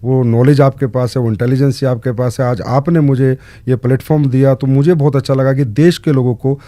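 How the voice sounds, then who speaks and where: A man's voice: mid-range voice, steady tone, fairly quick, mellow, dry recording. A man answering interview questions in an earnest way, stressing points with short repeated commands. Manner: emphatic, lists short commands. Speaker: guest in direct selling.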